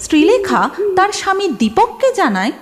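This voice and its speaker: Expressive woman narrating a cartoon tale. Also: extremely high pitch, normal speed. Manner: expressive, sing-song storytelling. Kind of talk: scripted storybook narration. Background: music.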